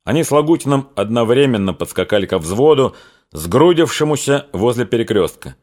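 A man narrating a literary story in a measured, expressive audiobook reading. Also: medium pitch.

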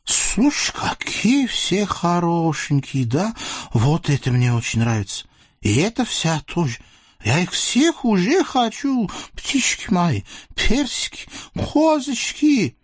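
High, squealing, spoiled sultan for an audio tale, greedy and wheedling. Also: male voice, big pitch swings, husky, no echo, studio quality, exaggerated voice. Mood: leering, gleeful. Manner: shrill wheedling exclamations with drawn-out "eh". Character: greedy, childish male sultan, gleeful and fickle.

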